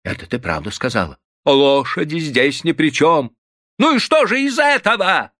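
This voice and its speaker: A man voicing a hot-tempered older landowner father who blusters and shouts in bursts. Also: on the high side, big pitch swings, moderate pace, no room sound, clean studio sound, voice pushed up. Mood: blustering.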